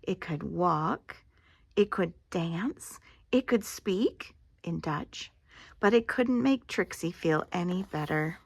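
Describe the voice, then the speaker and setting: An older woman with a grandmotherly manner reads a children's picture book aloud, expressively and deliberately, with dramatic emphasis and hushed phrase endings. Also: on the low side, animated, vocal fry, breathy edge, no room sound.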